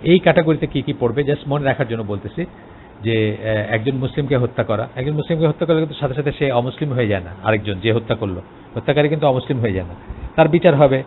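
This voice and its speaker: A man's voice: medium pitch, quick pace. A man with a Bangladeshi Bengali accent giving an explanatory religious lecture, hesitant, with many filler sounds and English words mixed in. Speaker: Islamic lecturer. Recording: tinny phone-like line, faint noise.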